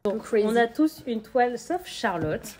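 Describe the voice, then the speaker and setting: A woman's voice: a little high, expressive, unhurried, a little mellow. A young woman co-hosting a podcast in casual, slangy conversation. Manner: informal, slangy. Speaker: podcast co-host. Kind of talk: casual chat.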